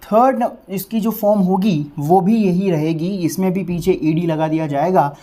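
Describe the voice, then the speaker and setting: A male English teacher giving a vocabulary lesson, who repeats each word slowly to drill its pronunciation and keeps checking that viewers have understood. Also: high-pitched, warm tone. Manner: addresses viewers as friends, asks "clear?".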